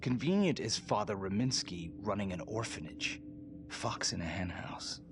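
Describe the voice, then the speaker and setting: A man playing a haunted death-row inmate, deep and whispery. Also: animated, normal speed, background noise, natural voice. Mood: confiding. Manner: hushed and whispery, then bursting into shouts. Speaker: prisoner. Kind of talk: video game cutscene acting. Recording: game audio with loud background music.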